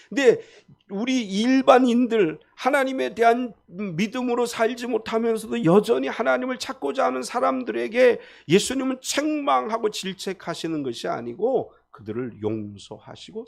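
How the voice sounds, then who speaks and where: A man's voice: sits high, vocal fry. A man preaching a sermon as pastor, talking expressively and acting out the people he quotes.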